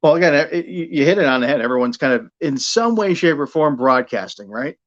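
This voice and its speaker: His voice is a little high, animated and brisk, and the audio sounds dull. This middle-aged radio sports broadcaster from Buffalo, New York, in the United States, talks casually as an interview guest about his broadcasting, repeating words as he gathers his thoughts.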